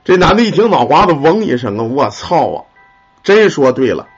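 A man telling a ghost story in an earthy, animated way and swearing casually. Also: fairly high pitch, moderate pace, husky, faint music behind. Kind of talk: colloquial ghost story narration. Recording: dull lo-fi recording.

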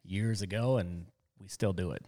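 Co-host, male, 30s, lowish voice, teasing and joking. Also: normal speed, dark tone, long reverb tail. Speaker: podcast co-host. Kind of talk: casual chat.

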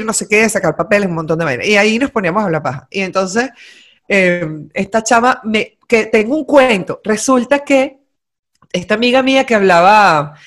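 A woman, co-hosting a casual talk show and telling anecdotes in a lively, slangy, teasing way. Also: medium pitch. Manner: animated storyteller, slangy and teasing. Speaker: podcast co-host. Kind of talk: casual chat.

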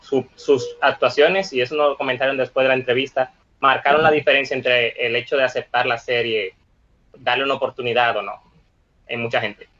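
A man's voice: mid-range voice, steady tone, fairly quick, a bit bright. A man hosting a podcast interview over a video call, asking long, rambling questions. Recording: dull, muffled call audio.

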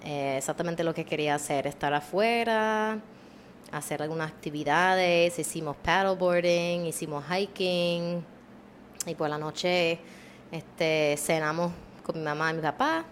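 A woman from Maryland hosts a podcast in a relaxed, chatty way, slipping English words into her talk. Her voice sits a little low. A faint hiss of noise runs behind her. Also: unhurried. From Maryland, USA. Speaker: podcast host. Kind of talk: bilingual casual chat.

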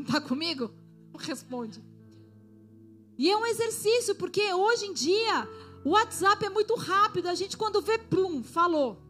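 A woman's voice: very high-pitched, lively intonation, a little slow, fairly bright tone, faint music behind. A woman pastor preaching a sermon to a congregation, exhorting them and asking for their response.

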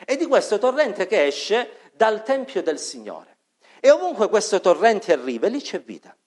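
Fervent high-voiced male preacher. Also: big pitch swings, moderate pace. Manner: fervent preaching, rising for emphasis, dropping to quiet prayer; self-correcting mid-sentence. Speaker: pastor. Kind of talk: evening sermon.

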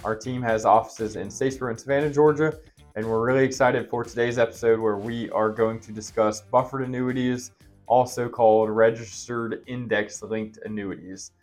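A man's voice: mid-range voice, steady tone, moderate pace, faint music behind. A man hosting a finance podcast, explaining things in a conversational way as a financial advisor.

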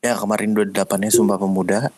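A young man with a Jakarta Indonesian accent hosting a casual podcast in hushed late-night talk. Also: fairly low pitch, little pitch movement, very fast, a little hiss or hum. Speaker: podcast host.

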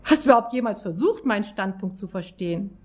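A woman's voice: mid-range voice, lively intonation, fast talker, darkish tone, lightly acted. A woman voicing a wounded middle-aged husband who hisses and pleads. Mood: angry. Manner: hissing, pleading.

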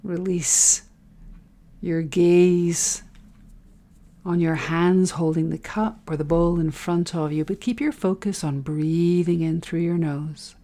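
Female meditation guide, soft and soothing, deep-toned and very slow, for a relaxation breathing exercise. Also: fairly even intonation. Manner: soft, soothing, unhurried delivery with breathy phrase endings.

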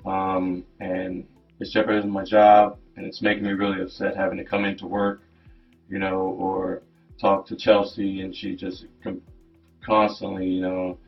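Man in a police interview, low monotone voice, hesitant, lots of ums, dull lo-fi recording with faint music under it. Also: moderate pace. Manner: hesitant, full of ums and "you know".

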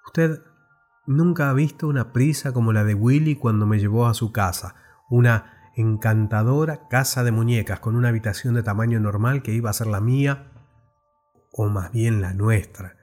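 A man's voice: mid-range voice, moderate pace, darkish tone, soft background music, close to an everyday voice. Man reading a timid, self-doubting large woman. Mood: wistful. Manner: timid, wondering.

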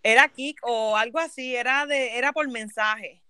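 A young woman with a Puerto Rican accent, chatting casually with friends, loud and laughing, swearing freely. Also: on the high side, normal speed, clean tone. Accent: Puerto Rican Spanish. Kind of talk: casual chat among friends.

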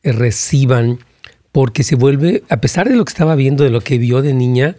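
Mellow-voiced pastor host. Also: male voice, mid-range voice, moderate pace, no echo, clean studio sound. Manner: supportive interjections, preachy asides. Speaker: pastor hosting the interview.

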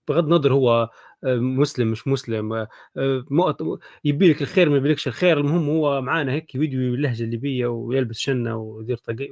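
A man with a Libyan accent, hosting a talk show in a brisk, courteous way. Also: mid-range voice, a little mellow, dry recording, clean studio sound. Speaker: host.

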